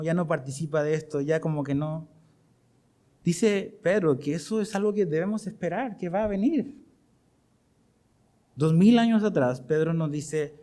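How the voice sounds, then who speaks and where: A middle-aged pastor with a Chilean Spanish accent preaches a sermon to his congregation, putting questions to them as he goes. His voice is fairly high-pitched and warm.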